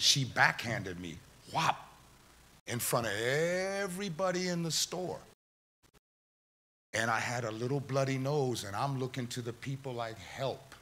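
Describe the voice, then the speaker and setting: A middle-aged man giving an emotional eulogy for his mother at a church memorial, halting and telling stories. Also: mid-range voice, bright, forceful tone. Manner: halting, tearful storytelling, quoting his mother. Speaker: eulogy speaker, son of the deceased.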